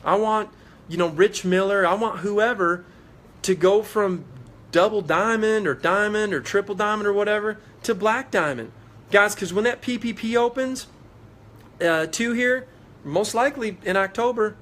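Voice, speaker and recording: A network marketing leader with a high, fairly bright voice gives a fired-up motivational talk on a live video stream at a moderate pace. He is preachy and repetitive as he urges his team on.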